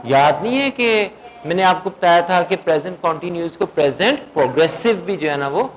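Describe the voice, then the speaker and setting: A man's voice: fairly high pitch, lively intonation, slight background noise, rough recording. A male English teacher giving a classroom lecture, drilling words and answering his own questions. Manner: drills vocabulary, asks questions and answers them himself; slow dictation of English sentences.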